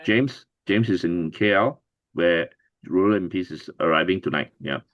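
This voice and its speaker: A man hosting an online writing class, introducing members in a relaxed way with plenty of fillers. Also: low-pitched, normal speed, no echo, highs cut off. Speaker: course host and writing coach.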